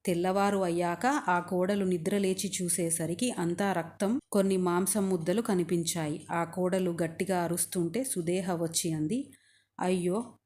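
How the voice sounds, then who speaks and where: Calm woman telling a devotional story. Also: lowish voice, normal speed.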